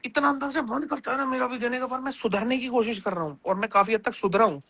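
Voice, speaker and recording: A man's voice: very high-pitched, quick pace, sharp tone, slightly rough. A young man talking loosely and bluntly with his chat during a live stream, reading out questions and answering them.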